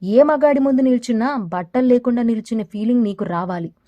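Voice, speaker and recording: A woman's voice: fairly high pitch, a little fast, no echo, dull audio, close to an everyday voice. A woman voicing a sneering village thug. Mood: menacing. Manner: sneering, taunting delivery. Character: cruel mocking male village thug.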